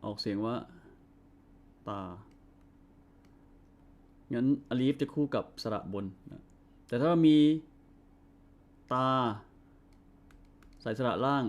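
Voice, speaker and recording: A man teaching a short language lesson, patiently sounding out each vowel slowly for learners. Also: mid-range voice. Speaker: Arabic teacher.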